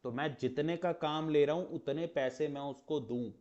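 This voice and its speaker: A man's voice: a little high, normal speed, a little mellow, muffled recording. A man teaching an astrology class in a conversational way, asking rhetorical questions and acting out little exchanges. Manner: conversational, explains with rhetorical questions and mock dialogue. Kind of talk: lecture in Hindi with English terms.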